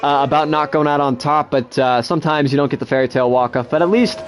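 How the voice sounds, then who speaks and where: Excitable young man narrating his racing game. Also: on the high side, quick pace, a little hiss or hum. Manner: excitable, swears freely, many fillers. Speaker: gaming YouTuber. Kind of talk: casual gameplay commentary.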